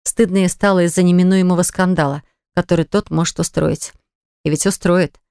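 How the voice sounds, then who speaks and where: Clear, low-voiced woman narrator. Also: fairly even intonation, brisk, mellow, no echo, studio quality. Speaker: audiobook narrator. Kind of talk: scripted narration.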